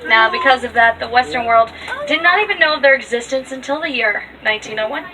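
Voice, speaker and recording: High-pitched woman safari guide, distant mic. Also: fast talker. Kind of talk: live guided tour commentary. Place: outdoors on a moving safari ride vehicle. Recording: distant mic, noisy open vehicle with passengers.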